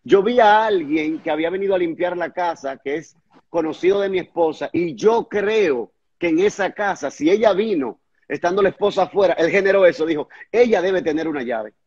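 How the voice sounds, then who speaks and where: A man with a somewhat high voice recounts a testimony in an earnest, conversational tone. He stammers and repeats small words at the hardest parts. The recording sounds muffled and lo-fi. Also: a little fast, a little mellow, slightly rough. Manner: stumbles and repeats words at hard moments. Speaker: pastor and guest recounting a testimony.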